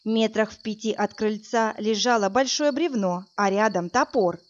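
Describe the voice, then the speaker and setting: A woman reading a first-person crime novel aloud in a steady, dramatic storytelling voice. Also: mid-range voice, normal speed, muffled recording. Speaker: audiobook narrator.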